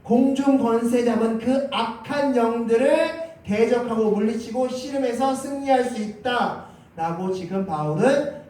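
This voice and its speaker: A man's voice: high voice, a little mellow, a little hiss or hum. A man preaching a Sunday sermon as pastor, emphatic, his voice rising when he voices scripture. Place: church sanctuary. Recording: very echoey church hall, mic at a distance.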